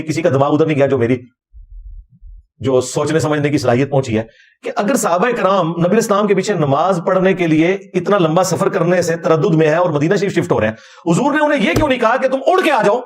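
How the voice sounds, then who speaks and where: A man with a fairly high voice delivers a combative religious lecture. He ridicules the tales he retells with biting sarcasm and pointed rhetorical questions. He drops into Punjabi phrases when he imitates others.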